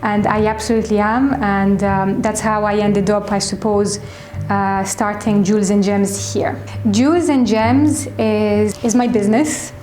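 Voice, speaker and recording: A woman in her twenties with a French accent, a shop owner answering interview questions in a reflective way, often pausing and restarting. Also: mid-range voice, steady tone, a little mellow. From France. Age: 20s. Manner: reflective, hesitant with fillers and restarts. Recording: echoey room.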